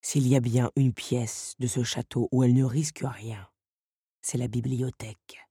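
A woman voicing a male beast, lord of the castle, calm and commanding. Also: extremely low pitch, a little slow, breathy edge, no echo, clean studio sound, exaggerated voice. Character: gruff lordly beast, male, worried master.

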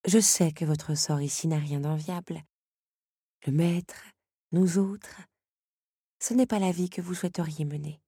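A woman reading a storybook voices a worried, motherly female teapot that fusses and gently scolds, with a husky voice. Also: deep voice, fairly even intonation, a little slow, long pauses, dry recording, studio quality, heavily acted. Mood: gentle.

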